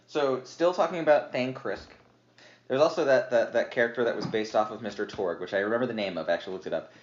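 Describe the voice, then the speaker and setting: A slightly tipsy man, a podcast guest, chatting casually about his game with lots of fillers and laughs. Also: lowish voice. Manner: rambling, filler-heavy, laughs often. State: a little tipsy. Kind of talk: casual chat. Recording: roomy, dull lo-fi podcast audio.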